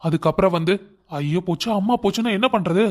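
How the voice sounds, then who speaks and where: A man's voice: sits high, fast talker, close to an everyday voice. A man playing a stern scolding father. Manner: scolding, lecturing. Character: stern older father, angry at his wife.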